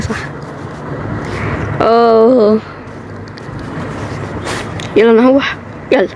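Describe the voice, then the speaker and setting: A woman with an Egyptian accent voicing a home-made animated drama, in quick, chatty lines that shift from role to role. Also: fairly high pitch, a little hiss or hum.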